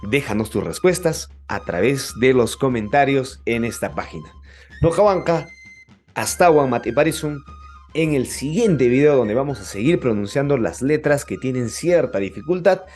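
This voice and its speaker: A man's voice: mid-range voice, expressive, normal speed, darkish tone, faint music behind. A man teaching Quechua pronunciation, repeating each word several times. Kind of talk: pronunciation lesson.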